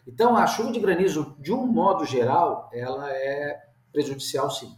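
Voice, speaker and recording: A man's voice: a little high, moderate pace, reverberant. A man, a winegrower guest talking casually, plainspoken and repeating words as he thinks. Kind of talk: casual interview chat.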